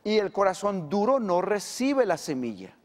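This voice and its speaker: A middle-aged male pastor, preaching emphatically and swinging between loud and hushed delivery. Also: high voice, very animated, normal speed, long reverb tail. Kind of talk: sermon.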